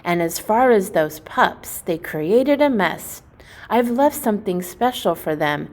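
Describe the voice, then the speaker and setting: A woman's voice: mid-range voice, lively intonation, unhurried, a little mellow, close to an everyday voice. A woman voicing jolly old Santa from a storybook, kindly and encouraging. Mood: pleased.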